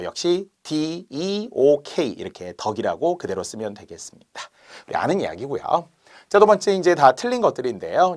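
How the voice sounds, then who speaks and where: A man explaining exam answers in a lecture, marking each step aloud and slowly spelling out letters and sounds. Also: fairly high pitch.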